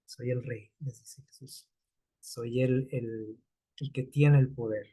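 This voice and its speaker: A man's voice: mid-range voice, fairly even intonation, slow, dark tone, slightly rough. A man preaching a sermon in a conversational way, often checking in with his listeners through rhetorical questions.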